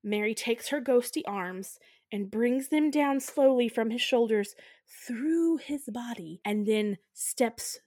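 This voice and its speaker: A woman's voice: fairly high pitch, takes it slowly, dry recording, clean studio sound. Giggly woman around thirty recapping a film. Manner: animated, giggly storyteller who acts out quotes. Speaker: podcast co-host. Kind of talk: casual chat.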